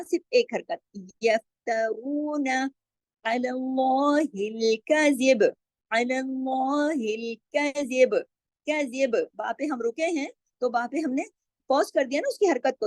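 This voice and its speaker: A woman with a high voice gives a patient, step-by-step lesson on Quran recitation, slowly drawing out example words. Her voice is dry and close, with no room sound. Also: darkish tone, no echo. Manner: patient, explains rules step by step and repeats words. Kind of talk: tajweed lesson with slow drawn-out example recitation.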